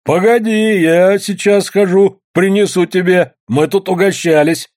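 A man voicing a rambling, tipsy, good-natured village uncle in an audiobook, talking loudly. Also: high voice, steady tone, measured pace, voice pushed up. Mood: cheerful. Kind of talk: audiobook character voice.

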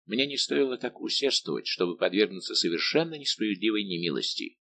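A man's voice: lowish voice, expressive, fairly quick, creaky, sharp tone, exaggerated voice. A man reading an audiobook, voicing a devoted young nobleman count who speaks with respectful firmness. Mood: earnest.

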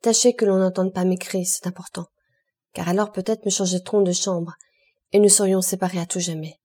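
A woman gives voice to an old priest seized by illness, his words pressing and quiet in this storybook reading. He gives urgent instructions while his strength fades. The tone stays mellow and warm. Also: fairly low pitch, fairly even intonation, a little fast, slightly rough. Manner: urgent, pleading, fading. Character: old male priest prisoner, stricken, urgent.

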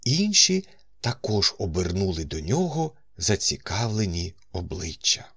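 A man narrating an audiobook, telling the story in the first person as a doctor, with a husky voice. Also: low voice, big pitch swings, measured pace, fairly bright tone, dry recording. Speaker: audiobook reader. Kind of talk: scripted narration.

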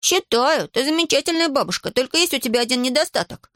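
A cheeky, stubborn young grandson, played by a woman reading a storybook aloud. The voice sits clearly higher than her telling voice and bounces along with lively pitch. The sound is close and dry. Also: fast talker, dry recording. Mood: coaxing. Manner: high bright boyish pitch.

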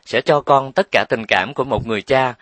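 A man voicing a heartbroken, devoted middle-aged father in a storybook reading, speaking slowly and sadly. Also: mid-range voice, a bit bright, no room sound, close to an everyday voice. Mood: tender sad. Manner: slow, sad, tender speech.

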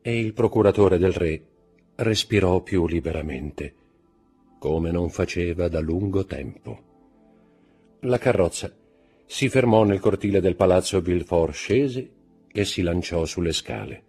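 Deep, husky man narrating a novel. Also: expressive, darkish tone, faint music behind. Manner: dramatic, measured narration. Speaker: audiobook narrator. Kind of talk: literary audiobook reading.

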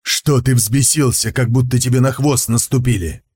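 Man voicing leopard spirit, calm, wry, composed, slightly husky. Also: mid-range voice, moderate pace, close to an everyday voice. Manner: amused, composed.

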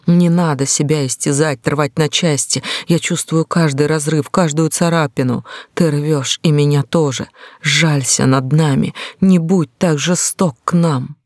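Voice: mid-range voice, steady tone, a little slow, no room sound, clean studio sound, natural voice. Brief: a reader plays an audiobook's devoted young heroine, tender and pleading, with a gritty edge. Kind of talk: audiobook reading.

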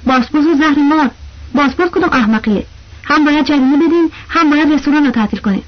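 A woman voicing a well-dressed, bossy man who poses as an inspector and gives orders loudly. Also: high-pitched, natural voice. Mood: angry. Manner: shouting, commanding. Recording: dull lo-fi audio.

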